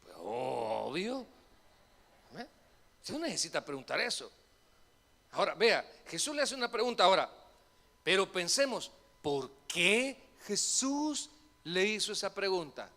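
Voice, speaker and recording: A male pastor preaching a sermon in a church, animated and asking the congregation questions. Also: sits high, moderate pace, pauses often. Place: church sanctuary. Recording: reverberant church hall.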